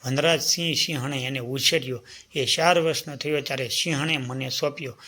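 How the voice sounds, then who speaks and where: A loyal herder and foster father in a storybook tale who pleads his case steadily and earnestly. The voice is bright and the delivery unhurried, as a male narrator puts him on. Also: medium pitch, fairly even intonation.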